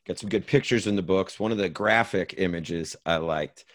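Deep-voiced man hosting, dry sound. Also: moderate pace, a bit bright, dry recording. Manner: affirming, conversational. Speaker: podcast host. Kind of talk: casual interview chat.

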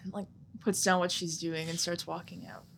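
A woman playing a tabletop role-playing game casually, with a husky voice and a curt, dry, dismissive manner. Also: fairly low pitch, little pitch movement, moderate pace, a bit bright, a little hiss or hum. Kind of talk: casual in-character game play.

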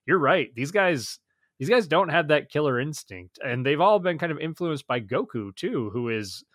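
A man's voice: medium pitch, fairly bright tone, no room sound. A man talking in an easy, casual podcast chat, gushing with enthusiasm over what he's watching. His voice sits in an ordinary middle register. The recording is close and dry, with almost no room sound. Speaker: podcast co-host.

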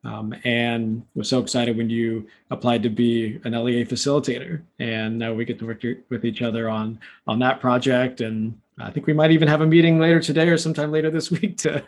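Man co-hosting, halting and repetitive. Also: mid-range voice, fairly even intonation, a little hiss or hum. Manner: warm, halting, repeats words as he starts phrases. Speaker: podcast co-host. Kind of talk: conversational podcast interview.

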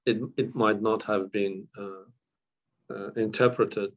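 Here a counsellor from northern Iraq, a native Kurdish speaker, talks in a podcast interview with a low voice, taking his time and keeping his intonation fairly even. He is hesitant, restarting and using fillers frequently, and the recording sounds dull and lo-fi.

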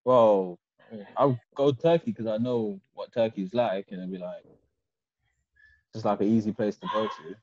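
A man with a London roadman accent talks in loose, slangy conversation. His voice is relaxed and dark with a slightly husky, unclear edge. The recording is a little dull and lo-fi. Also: on the low side, a little slow, no echo. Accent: London, urban street slang. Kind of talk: casual podcast group chat.

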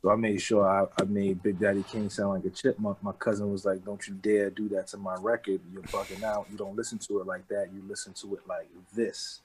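A man's voice: on the low side, level tone, fairly quick, few pauses, darkish tone, slight background noise, poor audio. A man in his forties from the Bronx with a New York accent, talking casually as an interview guest, loose and street-casual. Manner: loose and street-casual, with frequent "you know what I'm saying".

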